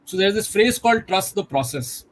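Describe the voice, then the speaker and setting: A middle-aged man, a guest in a conversational interview, speaking in a reflective, measured way with many "you know" fillers over a video call. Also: sits high, animated, a little hiss or hum, poor audio.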